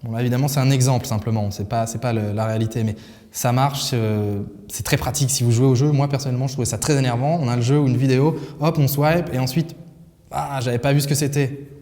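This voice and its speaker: A man's voice: medium pitch, steady tone, quick pace, warm tone, in a large hall. A man hosting a tech video, walking viewers through phone features in a chatty, casual way, with many fillers and restarts. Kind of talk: casual product demo.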